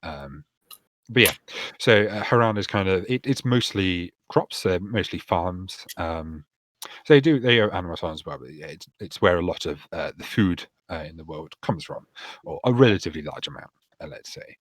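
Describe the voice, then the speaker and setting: A man's voice: deep voice, animated, moderate pace, no room sound. A man acting as dungeon master, explaining the setting of a tabletop campaign in a loose, rambling way full of fillers.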